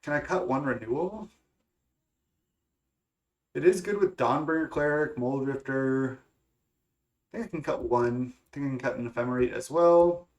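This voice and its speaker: A young man, a gaming content creator, reasons aloud through his card game choices in a casual, hesitant way, with lots of fillers and restarts. His stuffy, congested voice is mid-range and a little mellow, moving at a moderate pace broken by long pauses.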